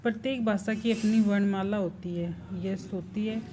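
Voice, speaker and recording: A woman teaching a primary class, explaining slowly and deliberately, spelling out sounds one at a time and answering her own questions. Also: mid-range voice, fairly even intonation, mellow. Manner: slow and deliberate, asks the class questions and answers them herself. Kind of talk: slow explanatory lesson.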